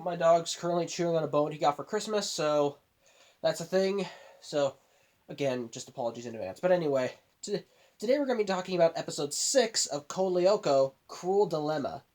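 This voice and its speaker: A show reviewer with a cold speaks in a nasal, fairly high-pitched voice, casually recapping a cartoon episode for his vlog. He rambles, frequently restarting and correcting himself.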